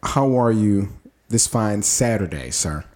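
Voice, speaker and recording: A young man co-hosts a podcast, chatting casually in a rambling way full of fillers and restarts. His voice is on the low side and darkish in tone, expressive, and slow-paced.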